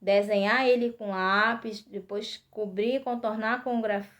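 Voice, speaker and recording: A woman's voice: mid-range voice, fairly even intonation, measured pace, fairly bright tone. A Brazilian woman teaching an arts class to young children, patiently explaining steps and often checking in with the kids. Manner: patient, repeats instructions, frequent "tá?" checks. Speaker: primary school arts teacher.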